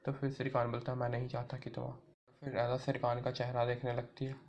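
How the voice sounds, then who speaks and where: A man's voice: mid-range voice, completely flat delivery, fast, darkish tone, dull audio, a little hiss or hum. A man narrating an episode recap, retelling each scene and reading all the characters' lines himself.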